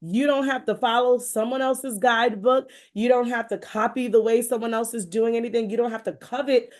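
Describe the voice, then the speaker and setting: This podcast host offers faith-based motivation with emphatic encouragement, repeating phrases as she talks conversationally. Her voice is fairly high and steady in tone, and she speaks a little fast.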